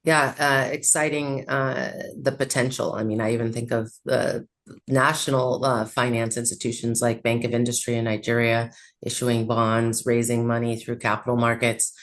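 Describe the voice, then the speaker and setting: A man's voice: medium pitch, level tone, moderate pace, fairly bright tone. A man moderating an online panel, asking questions in a conversational way with many fillers. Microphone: video call.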